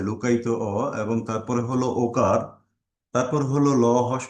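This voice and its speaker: A man teaching a grammar lesson, slowly spelling out sounds and letters one by one as he explains. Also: medium pitch. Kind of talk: grammar lesson for exam preparation.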